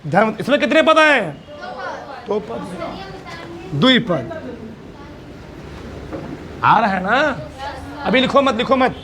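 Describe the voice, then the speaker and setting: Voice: medium pitch, big pitch swings, takes it slowly, long pauses, a crowd in the background, background noise. A teacher giving a classroom maths lesson, asking the students question after question in a coaxing, teasing way.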